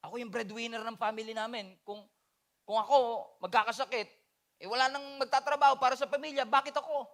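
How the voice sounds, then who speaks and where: Man, pastor, sermon, high voice, loud appeals then hushed confessions. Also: steady tone, a little fast. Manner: swings between loud appeals and quiet confessional passages.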